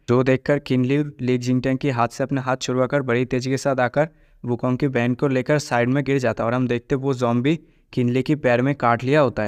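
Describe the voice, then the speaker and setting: Flat-voiced man narrating a story recap. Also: medium pitch, smooth, no echo. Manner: flat, steady storytelling with quoted lines read plainly.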